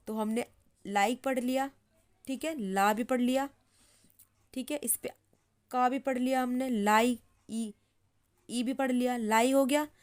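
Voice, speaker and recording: Slow patient woman teaching spelling. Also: a little high, darkish tone. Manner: repeats words slowly while writing, says "ठीक है" often. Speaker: English teacher. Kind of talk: slow explanatory lesson.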